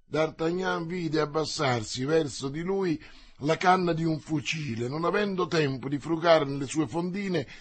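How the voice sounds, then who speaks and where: A man narrates an adventure novel aloud in a steady, measured way. His voice sits a little high, with a husky, breathy texture. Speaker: audiobook narrator. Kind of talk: scripted narration.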